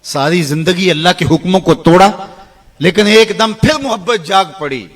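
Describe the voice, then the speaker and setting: An expressive middle-aged male preacher delivers an emotional sermon, shifting from hushed passages to soaring cries. Verses come out in a slow chant.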